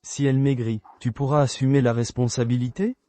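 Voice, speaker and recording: A man's voice: medium pitch, fairly even intonation, fairly quick, background noise, lightly acted. A man voicing a bold, cheeky young imperial cook in a dubbed drama, teasing and cocky. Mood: self-assured. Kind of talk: dramatized dubbing with inner monologue.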